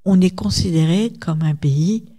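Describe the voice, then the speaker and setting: A woman's voice: fairly low pitch, unhurried, mellow. A woman researcher speaking as a guest at a conference, talking emphatically and turning often to the audience. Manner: emphatic, digressive, addresses audience directly. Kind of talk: conference talk.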